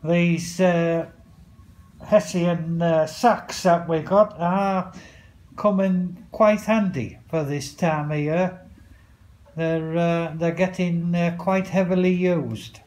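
A man with a high-pitched voice chats on camera outdoors by a pool. He speaks slowly and loosely, cursing now and then and shouting to his dogs between remarks. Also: steady tone. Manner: chatty, swears mildly, calls out to dogs. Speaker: vlogger. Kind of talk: casual vlog chat.

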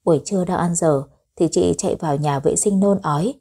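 Soft-toned, husky woman narrating a story. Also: fairly low pitch, a little fast. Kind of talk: scripted audio story narration.

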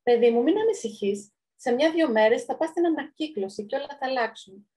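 A woman's voice: high voice, animated, warm tone, pitched above the performer's own voice. A woman voicing a motherly, know-it-all tomato in a storybook reading, reassuring and knowing.

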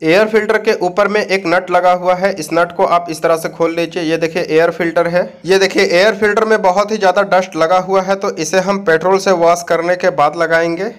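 Man from India, fairly high pitch, instructive workshop tutorial, speaks directly to viewers. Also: steady tone, fairly quick, hardly any pauses. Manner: plain instructive talk, addresses viewers directly. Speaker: repair channel host. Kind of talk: step-by-step repair tutorial.

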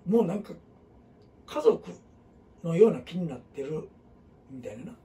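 A middle-aged man with a Kansai accent teaches in a loose, rambling way, dotting his talk with fillers and asides. His voice is high for a man, gravelly and mellow, and it swings a lot in pitch. He sounds a little distant from the microphone. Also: very animated, unhurried. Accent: Kansai Japanese. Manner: rambling, talks in dialect with many fillers and asides. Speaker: teacher of a group. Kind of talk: casual classroom talk.

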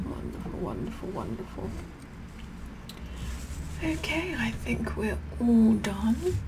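A woman's voice: on the high side, background noise, exaggerated voice. A middle-aged woman playing a sassy, vain, condescending Queen Elizabeth the First in a whispered ASMR roleplay, repeating her words imperiously. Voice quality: breathy whispering mixed with soft speech.

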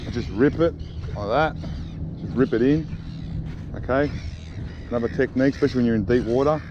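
A middle-aged fishing vlogger chats casually about his gear from a small boat on a harbour, sprinkling his talk with "okay" and "all right." His voice is medium in pitch and a little fast. An action camera on him captures dull audio, with wind and water noise outdoors.

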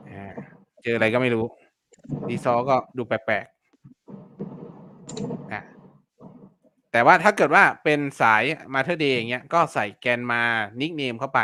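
A man's voice: mid-range voice, bright, forceful tone, slight background noise. A man teaching online selling in a casual live-stream lesson, chatty and repetitive, full of fillers and polite particles. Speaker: online seller teaching keyword research.

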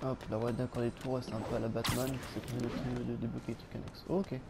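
A man's voice: mid-range voice, level tone, fast talker, gravelly, background noise. A man giving casual, slangy let's play commentary, muttering reactions as he plays. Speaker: gamer commentator. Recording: game music behind the voice.

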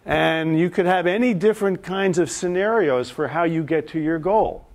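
Speaking on the high side at a moderate pace, a presenter and facilitator addresses executives in a live business presentation. His style is conversational storytelling, with questions thrown out to the room.

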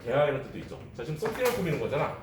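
A man teaches high school English in a lively, joking way, talking straight to his students. His voice rises and falls a lot and sits a little high for a man. He sounds set back from the mic, in an echoey classroom with a faint hum of room noise. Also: rapid-fire, distant mic. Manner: lively, jokey, addresses students directly. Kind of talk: classroom lecture.

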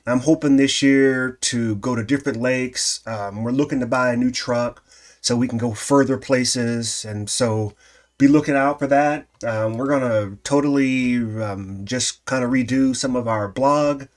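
Earnest man with relaxed filler-heavy talk. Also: medium pitch, unhurried. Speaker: fishing channel host. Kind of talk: casual vlog talk to viewers. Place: outdoors at a riverbank.

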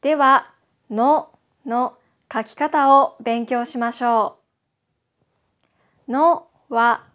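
A woman teaching a scripted beginner language lesson, drilling single syllables with slow, careful enunciation. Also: fairly high pitch, fairly bright tone.

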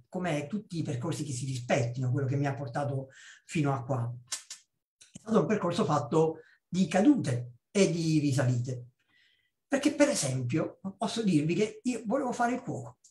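A man in his fifties from Naples, a public speaking trainer giving a chatty webinar talk with personal stories, often checking in with a quick "ok?". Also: on the high side, echoey room. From Naples, Italy. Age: 50s. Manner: lively, conversational, checks in with "ok?" and tosses in blunt asides. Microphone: video call.

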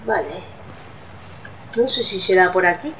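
A woman's voice: fairly low pitch, animated, unhurried, distant mic, a little hiss or hum, poor audio. A woman with a Spain accent giving casual horror game commentary, swearing often and easily startled. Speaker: gameplay streamer.

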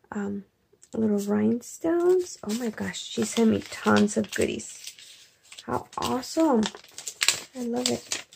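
A woman quietly gushing as she unboxes craft supplies in a late-night video, keeping her voice hushed with bursts of excitement. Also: fairly high pitch, creaky, husky. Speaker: craft vlogger. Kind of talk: soft-spoken unboxing chat. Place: home at night.

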